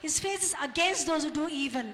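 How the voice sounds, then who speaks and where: A woman interpreting a sermon into English line by line, in plain, halting phrasing. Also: high voice, animated, fairly bright tone. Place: church hall.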